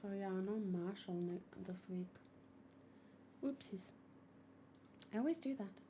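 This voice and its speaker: A young woman gaming streamer rambles casually through a game reaction, dropping playful little exclamations. Her medium-pitched voice has a dark tone and an unhurried pace, with a little hiss or hum in the background.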